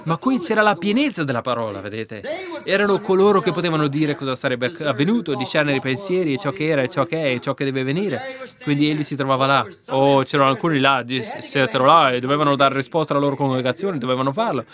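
A man's voice: medium pitch, fast talker, crowd noise. A man preaching a sermon, retelling biblical scenes and acting out the dialogue.

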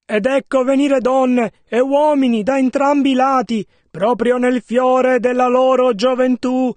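A man interpreting a sermon, rendering it phrase by phrase in a measured, careful way. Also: extremely high pitch, fairly even intonation, a little mellow, no echo.

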